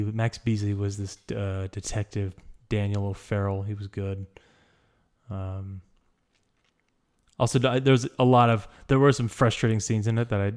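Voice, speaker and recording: Low-voiced rambling male podcast host. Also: darkish tone. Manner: rambling, with stammered restarts and fillers. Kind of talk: casual solo podcast chat. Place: small hot room indoors.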